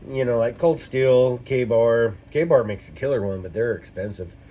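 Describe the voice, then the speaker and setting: A man's voice: medium pitch, unhurried, dark tone. A man giving a casual, rambling product review, loose and tipsy as if he has been drinking, and swearing freely. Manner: casually profane. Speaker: knife reviewer. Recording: noticeable background noise with clicks.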